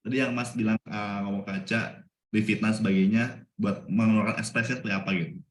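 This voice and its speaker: A man's voice: fairly low pitch, steady tone, fast talker. A man moderating a webinar over a video call, putting casual, slangy questions to the speaker. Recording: roomy echo.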